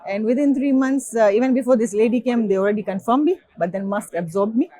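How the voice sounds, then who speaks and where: A woman's voice: a little high, quick pace, warm tone, rough recording. A woman from Kenya, giving a conversational interview with frequent fillers. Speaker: guest.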